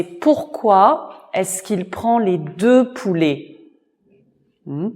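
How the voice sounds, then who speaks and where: A woman telling a folk tale slowly and expressively for French learners, repeating key words. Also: mid-range voice. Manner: very slow, repetitive, expressive. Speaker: storyteller and language teacher. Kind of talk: slow storytelling for French learners.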